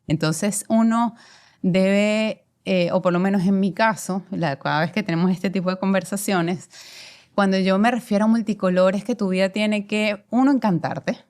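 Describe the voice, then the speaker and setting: A commercial director in her forties, guesting in a conversational interview, reflects on her career with many fillers and a Venezuelan Spanish accent. She has a mid-range, darkish voice with fairly even intonation and a moderate pace.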